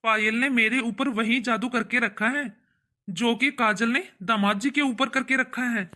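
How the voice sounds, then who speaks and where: Casting: woman playing a patient young cartoon son, placating and reasoning, bright and raised. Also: a little high, fairly even intonation, unhurried. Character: young adult son, calm, patient man. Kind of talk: cartoon voice acting.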